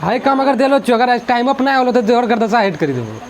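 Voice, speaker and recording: A man voicing a harsh, bullying teenage boy who curses and threatens in a rough scolding tone while retelling a story to his class. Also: very high voice, very animated, a little fast. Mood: threatening.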